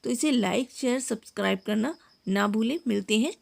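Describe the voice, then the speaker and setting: A woman's voice: on the high side, normal speed, creaky, darkish tone. A woman teaching an English lesson, naming letters and saying example words one at a time. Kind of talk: slow spoken grammar lesson.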